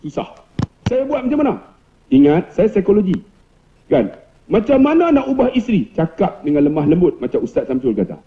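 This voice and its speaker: A middle-aged man with a Malaysian Malay accent, giving a humorous religious lecture with loud, animated storytelling. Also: sits high, highs cut off. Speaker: preacher.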